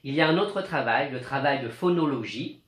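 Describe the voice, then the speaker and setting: A male teacher giving a slow, clear home lesson to young children, speaking patiently. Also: mid-range voice, animated, a bit bright, reverberant.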